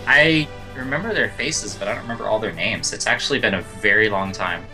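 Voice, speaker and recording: A man co-hosting a podcast, joking deadpan and rambling in casual chat. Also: fairly low pitch, a little fast, soft background music, rough recording. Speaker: podcast co-host.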